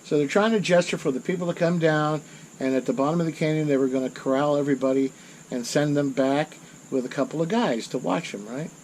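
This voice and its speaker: Guy in his middle years telling a story off the cuff, keeps restarting, a bit high-pitched, some crickets faintly behind. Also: brisk, a little mellow, a little hiss or hum, low-quality recording. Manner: rambling, self-correcting, rises in intensity at dramatic moments. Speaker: channel host. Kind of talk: casual storytelling monologue.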